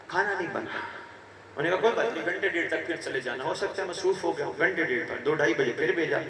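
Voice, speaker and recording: A Pakistani cleric from Punjab preaching at a gathering, building to loud emphatic peaks and dropping low to tell a story. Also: male voice. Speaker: Shia cleric giving a majlis address. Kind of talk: sermon with storytelling. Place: outdoor or large gathering hall with a crowd. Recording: echoey PA sound from far off with crowd.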